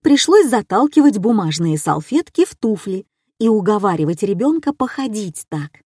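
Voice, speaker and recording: A woman reads a funny family story aloud, wry and deadpan in her delivery. Her voice is mid-pitched and recorded close and dry, with no room sound around it. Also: normal speed, breathy edge, no room sound. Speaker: narrator. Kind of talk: humorous storytelling.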